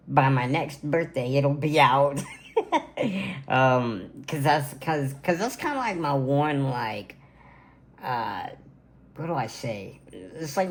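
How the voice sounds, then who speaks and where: A man in his twenties talking casually to camera in a birthday vlog from his gaming room, rambling with lots of fillers. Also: mid-range voice. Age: 20s. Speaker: content creator. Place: home gaming room, indoors.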